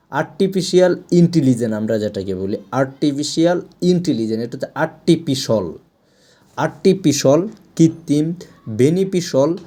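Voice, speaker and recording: A man's voice: mid-range voice, dark tone. A man teaching English pronunciation, saying each word again and again with many fillers and restarts. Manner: repeats words over and over, drilling pronunciation, with many "ah" fillers and restarts. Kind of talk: spoken language lesson.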